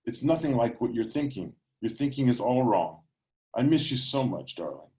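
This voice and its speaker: A man voicing a gentle, saddened husband who pleads softly and reassures his wife. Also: medium pitch, very animated, moderate pace, natural voice. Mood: pleading. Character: gentle pleading husband, sad but patient.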